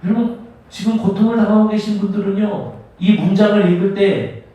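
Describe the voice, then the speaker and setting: A male pastor preaching a sermon with emphatic, dramatic swings between loud and hushed delivery. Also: sits high, steady tone, brisk. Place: church sanctuary. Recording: echoey church hall, mic at a distance.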